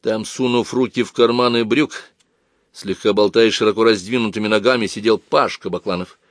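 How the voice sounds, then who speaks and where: A man narrating a children's storybook in an expressive, lively way. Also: on the low side, moderate pace, no room sound, clean studio sound. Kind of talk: storybook reading.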